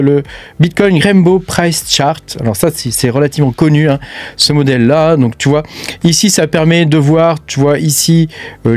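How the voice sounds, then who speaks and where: A man's voice: on the high side, darkish tone, no room sound. A man hosting a casual screen-share walkthrough, talking to the viewer familiarly and filling nearly every phrase with hesitations. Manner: chatty, fills every phrase with "hein" and "euh". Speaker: crypto channel host.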